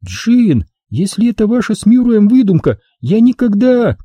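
A man reading an audiobook voices a nervous young woman, raising his voice high and making it pleading. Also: big pitch swings, moderate pace, mellow, slightly rough, no room sound, exaggerated voice. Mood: suspicious.

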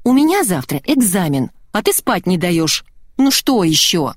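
A woman's voice: fairly low pitch, sing-song, a little slow, no room sound, studio quality. A woman voicing a grumpy, mocking teenage girl. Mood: irritated. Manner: impatient, mocking.

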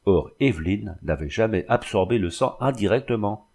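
A man reading a novel aloud in a measured, dramatic storytelling manner. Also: on the low side, lively intonation, a little mellow, breathy edge. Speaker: audiobook narrator. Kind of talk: literary audiobook narration.

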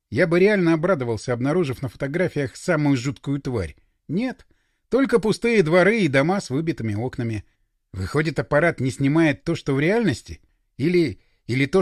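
Lively male audiobook narrator. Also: a little high, no room sound, clean studio sound. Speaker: audiobook reader. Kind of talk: scripted first-person narration.

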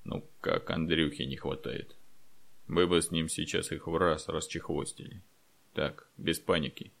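A man voicing a tough, mocking old soldier in an audiobook, muttering and scolding gruffly. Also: very deep voice, fairly even intonation, a little slow, fairly bright tone, full character voice.

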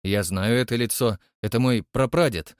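A man voicing a calm, puzzled man who speaks in a low, measured way. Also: smooth, no room sound, studio quality, natural voice.

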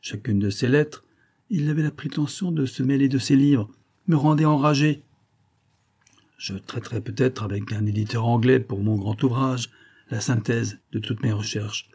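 A man's voice: medium pitch, moderate pace, darkish tone, slightly rough. A man reading an audiobook, voicing a bitter, obsessive middle-aged man who argues insistently that he is wronged. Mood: scornful. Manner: agitated, reasoning aloud, insistent.

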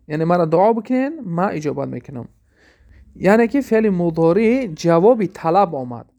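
Gravelly Tajik-accented man teaching grammar. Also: sits high, a little mellow. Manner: reads Arabic lines slowly, then explains them, with many asides and rhetorical questions. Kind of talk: recorded lesson explaining a textbook.

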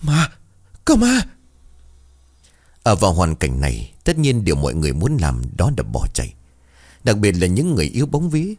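A man narrating a ghost story in a dramatic, expressive way. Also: low voice, fast talker, breathy edge.

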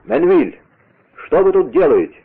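A man gives voice to a hot-tempered musketeer captain who shouts his orders in a commanding bark. The sound is thin and tinny, like a lo-fi radio broadcast. He pitches up whenever he roars at the crowd. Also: sing-song, moderate pace, husky, heavily acted.

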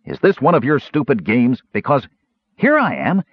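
A man voicing a big, gruff human warrior in a storybook reading, blunt and grumbling. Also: low voice, very animated, normal speed, no echo, full character voice. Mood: exasperated. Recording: dull lo-fi audiobook recording.

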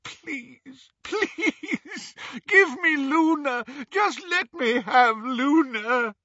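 A man's voice: lively intonation, very slow, bright, forceful tone, dry recording, lo-fi sound, exaggerated voice. A man voicing a terrified father pleading for his daughter, tearful and strained, repeating himself desperately in an audiobook. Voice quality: shrill, strained.

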